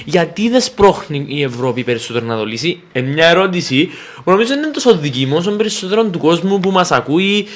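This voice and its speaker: A man's voice: on the high side, animated, hardly any pauses. A man with a Cypriot Greek accent, co-hosting a podcast discussion, asking questions in a colloquial, polite way. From Cyprus.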